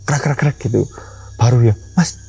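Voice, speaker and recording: A young man tells a mountain story in an interview, slipping into the voices of the people in it. His voice is dark and mellow, with a mid pitch for a man. Soft music plays faintly behind him. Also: normal speed, husky, poor audio. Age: young adult. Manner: lively storyteller acting out dialogue. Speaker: mountain ranger and guide.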